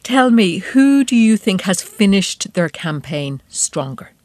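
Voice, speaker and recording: A woman's voice: mid-range voice, sing-song, slow pace, a little mellow, dry recording. A woman working as a news presenter, reading scripted reports and putting questions to guests. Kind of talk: scripted news narration and interview. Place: radio studio.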